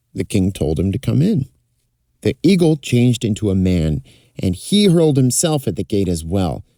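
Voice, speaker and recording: Low, mellow man telling a fireside folktale. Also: gravelly, no room sound, studio quality. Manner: acts out characters' dialogue. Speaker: storyteller.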